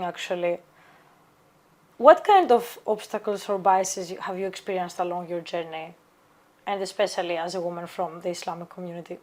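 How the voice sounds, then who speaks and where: A woman hosting an interview, asking prepared-sounding questions in a measured way. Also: mid-range voice, darkish tone. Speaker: interview host.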